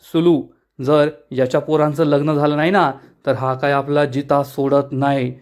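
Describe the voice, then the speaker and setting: A man's voice: on the high side, flat delivery, moderate pace, darkish tone, natural voice. A man voicing a frightened, scheming middle-aged man. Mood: fearful. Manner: fearful.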